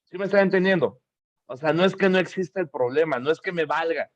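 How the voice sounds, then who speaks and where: Middle-aged man, emphatic sermon, fairly high voice, dull lo-fi audio. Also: quick pace, dry recording. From Mexico. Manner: emphatic, repetitive preaching with rhetorical questions to the congregation. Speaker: preacher. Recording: dull, dry lo-fi sound.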